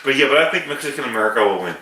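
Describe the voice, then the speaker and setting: A man's voice: medium pitch, expressive, very fast, sharp tone, far from the mic. A man co-hosting a casual wrestling prediction chat, hesitant, often repeating words as he gives his picks. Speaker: podcast co-host. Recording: echoey, a bit off mic.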